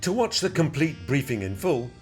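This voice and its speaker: Lively male narrator with varied intonation. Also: fairly high pitch, moderate pace, faint music behind. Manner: instructive, quizzing the viewer. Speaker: flight video narrator. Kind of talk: scripted explanatory voice-over.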